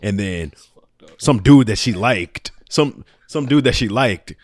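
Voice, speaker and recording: A man's voice: fairly low pitch, animated, slow pace, no echo. A young man co-hosting a podcast, candidly recounting memories in casual chat. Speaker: podcast co-host.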